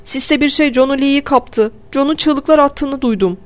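A man voicing a panicked man with a bloody nose who shouts in terror, dragging his words out. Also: very high voice, lively intonation, slow, voice pushed up, exaggerated voice. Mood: terrified.

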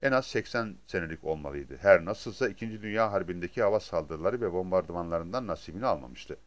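A man reading a crime novel aloud as scripted narration, in a dramatic, expressive way. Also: low-pitched, brisk. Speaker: audiobook narrator.

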